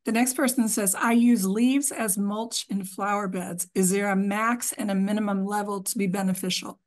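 A woman moderating an online talk, reading audience questions aloud in a slow, measured way. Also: medium pitch, fairly even intonation.

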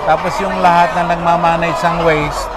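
A man explaining his poultry farm in a relaxed, casual interview, laughing lightly as he talks. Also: fairly high pitch, normal speed. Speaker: farm owner. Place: large indoor poultry house, chickens clucking. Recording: loud chickens and farm noise behind.

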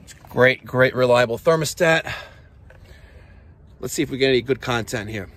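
A man in his forties, a plumber with a New York accent, talking to viewers in an animated, hyped way while filming himself on a phone in a house basement. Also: medium pitch, moderate pace. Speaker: plumber and heating technician. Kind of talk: on-the-job vlog narration. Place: house basement boiler room. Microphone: phone camera at arm's length.

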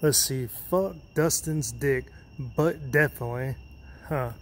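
A man's voice: mid-range voice, measured pace, slight background noise. Muttering man exploring an abandoned building. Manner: muttering to himself, casual and profane. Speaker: urban explorer vlogger. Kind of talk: exploring narration to camera. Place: inside an abandoned hospital.

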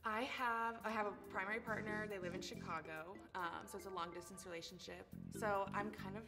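A woman's voice: medium pitch, steady tone, brisk, music in the background. A woman on a dating show talking casually, friendly and giggly, a little shy. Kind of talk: casual conversation.

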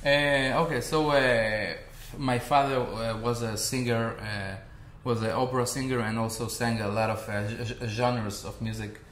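A man's voice: medium pitch, fairly even intonation, moderate pace, few pauses, a bit bright, roomy sound, slight background noise. A man in his thirties from Armenia, a singer and vocal coach, talking casually with many fillers and restarts in a living room. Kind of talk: casual interview. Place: bright living room with large window.

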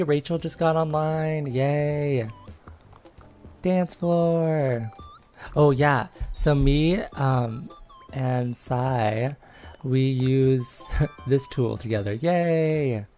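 A woman's voice: rumbling low, very slow, long pauses, warm tone, soft background music. A woman in her twenties chatting casually on a livestream while playing a game, bubbly and giggly with lots of little cheers. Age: 20s. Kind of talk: casual gameplay chat.

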